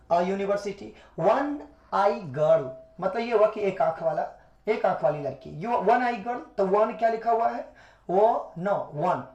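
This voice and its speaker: A woman teacher giving a grammar lesson, repeating words slowly and often checking whether students understood. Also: medium pitch, mellow. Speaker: English teacher. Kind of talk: classroom-style grammar lesson. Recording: echoey room.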